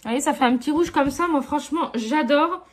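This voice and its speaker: Chatty high-voiced woman vlogger. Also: a little fast. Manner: chatty, many fillers like euh and franchement. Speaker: beauty vlogger. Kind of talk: casual haul review.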